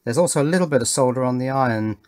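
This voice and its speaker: Working indoors at a wooden workbench, the man hosting an electronics build channel thinks aloud, commenting casually on his hands-on demonstration and tossing in tag questions. His mid-range voice is darkish in tone, and he talks at a racing pace.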